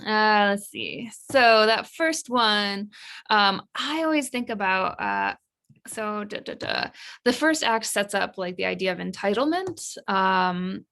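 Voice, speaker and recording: A woman's voice: mid-range voice, takes it slowly, vocal fry. A woman teaching a class, talking casually with lots of fillers and acting out lines. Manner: lively, acts out quotes with laughs and fillers. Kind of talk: classroom lesson on a play.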